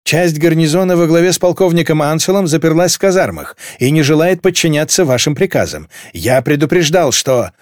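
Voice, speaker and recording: A man's voice: fairly high pitch, expressive, brisk, few pauses, a little mellow, dry recording, voice pushed up, natural voice. A jittery officer delivers his report in a rattling voice, acted by a male narrator. The sound is close and dry. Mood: tense.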